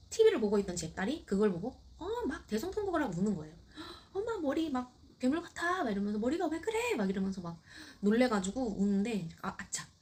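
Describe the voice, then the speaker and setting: A middle-aged woman talking casually and candidly, with a lively voice that rises and falls a lot. She speaks with a light sense of humor. A faint hum of room ambience sits behind her. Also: medium pitch. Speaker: cancer patient vlogger. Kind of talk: casual personal storytelling.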